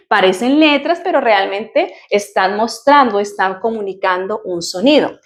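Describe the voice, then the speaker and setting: A patient woman teacher with a slightly high voice whose first language is Spanish. She explains grammar step by step and says each English example slowly, several times over. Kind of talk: recorded online lesson, explaining grammar.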